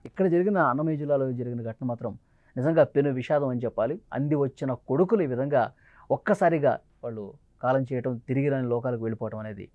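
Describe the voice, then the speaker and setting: A man's voice: medium pitch, fast, no echo. A man giving somber, urgent news commentary that mixes pointed questions with grave reflection. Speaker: news presenter. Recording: dull lo-fi dry sound.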